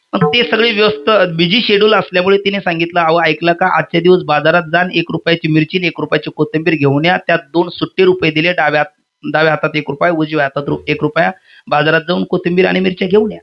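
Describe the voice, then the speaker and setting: A fairly high-voiced man gives a kirtan sermon, telling folk tales and acting out each character. His storytelling is lively, with chanted refrains. The sound is dull and lo-fi. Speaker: kirtan preacher.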